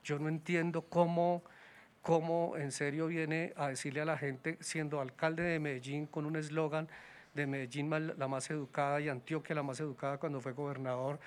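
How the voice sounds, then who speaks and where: A man talks politics in a casual, critical way, stumbling over restarts and fillers. His voice sits a little high for a man. A faint hiss of noise runs underneath. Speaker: political guest.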